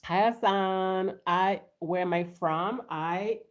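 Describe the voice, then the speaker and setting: A woman's voice: mid-range voice, slow pace. A woman from Haiti hosting a casual live stream, greeting viewers and answering their comments aloud in a chatty way. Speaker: livestream host.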